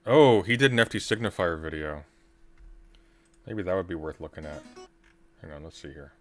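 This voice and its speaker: Host, man, low voice, dry and wry, reacting on stream. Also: normal speed, faint music behind. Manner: dry, muttering asides. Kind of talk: casual reaction commentary.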